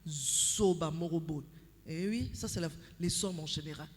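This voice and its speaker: A woman with a Congolese accent preaching at a couples' retreat, animated and acting out conversations with her husband, slipping into Lingala phrases. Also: deep voice, a little slow. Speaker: pastor speaking at a couples' retreat. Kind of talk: sermon. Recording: long hall reverb.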